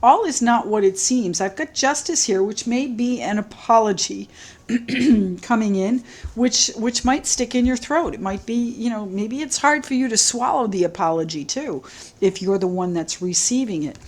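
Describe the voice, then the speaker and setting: A woman giving a solo tarot reading to camera, musing gently and repeating her phrases, a little choked up. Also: a little high, normal speed, low-quality recording. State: slightly choked up, clearing throat. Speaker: tarot reader.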